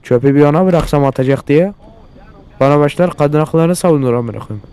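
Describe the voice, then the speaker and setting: A man's voice: fairly high pitch, a little fast, dark tone, clean tone. A young man hosting a let's-play, commenting crudely with constant swearing and exasperated outbursts. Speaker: gaming channel host.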